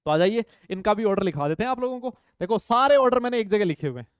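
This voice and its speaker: Guy teaching chemistry online, high smooth voice, keeps repeating stuff and asking if you got it. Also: expressive, fast, no room sound, clean studio sound. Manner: emphatic, repeats key points and checks in with students. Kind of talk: online lecture.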